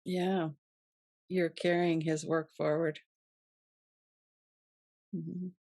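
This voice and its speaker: A man hosting an interview, speaking in a calm, affirming and reflective way. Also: a little high, very slow, dry recording, studio quality. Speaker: interview host. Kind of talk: supportive interview conversation.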